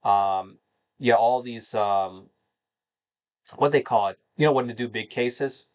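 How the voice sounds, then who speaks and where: The voice is medium-pitched, slow, and darkish, with lo-fi sound. It belongs to a man in his thirties from North Carolina, United States, who rambles through viewer questions on a livestream, using lots of fillers and calling the chat "man."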